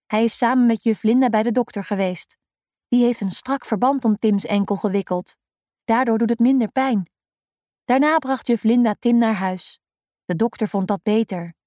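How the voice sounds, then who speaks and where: A woman reading a children's story aloud, gently and expressively. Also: a little high, no room sound, clean studio sound.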